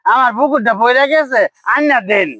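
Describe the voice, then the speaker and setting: A man with a rural Bangladeshi accent playing a loud, quarrelsome town drunk who whines and blusters in a village comedy skit. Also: very high-pitched, moderate pace. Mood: whining, demanding.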